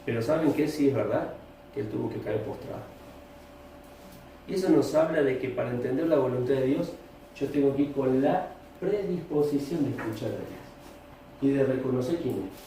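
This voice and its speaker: A man's voice: medium pitch, normal speed, mellow. A man with a Rioplatense Spanish accent preaching a sermon as pastor, questioning his congregation. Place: church hall. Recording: echoey room, distant mic, faint noise.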